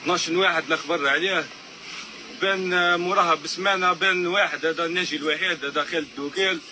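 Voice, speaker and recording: An Algerian man giving a public statement as a families' spokesman, arguing haltingly and mixing in French words. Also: on the high side, fairly even intonation, noisy background. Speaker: spokesman for families of missing migrants.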